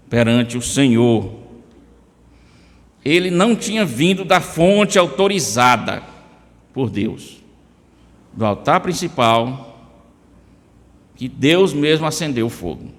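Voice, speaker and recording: Brazilian preacher guy, fairly high voice, punchy rises, long church reverb. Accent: Brazilian Portuguese. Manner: addresses listeners by name, emphatic rises. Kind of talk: sermon.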